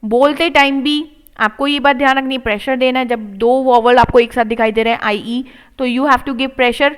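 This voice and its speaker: High-voiced Indian woman teaching spelling. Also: fairly even intonation, clean tone. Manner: slow, encouraging, repeats words twice. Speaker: English teacher. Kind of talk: spelling and reading lesson.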